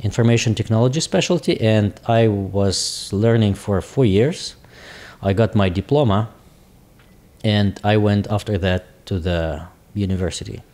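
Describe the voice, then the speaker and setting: A man in his forties with a Russian accent, speaking in halting, searching English as an interview guest. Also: on the low side, a little mellow. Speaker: guest, business owner. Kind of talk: casual interview talk.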